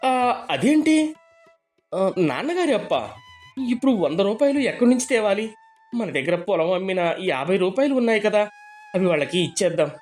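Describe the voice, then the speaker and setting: A man voicing a naive, generous village husband in an animated story, soft-hearted and trusting. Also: sits high, fairly quick, soft background music. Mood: alarmed.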